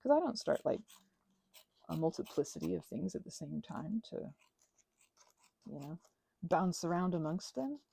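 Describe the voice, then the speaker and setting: A craft and ASMR channel host, a young adult woman, talks in a fairly low, sing-song voice that is mellow and husky with vocal fry, recorded with no room sound. She speaks a little slowly with long pauses, rambling casually as she crafts in a scattered, self-interrupting way, gushing, teasing herself, and drifting into tangents.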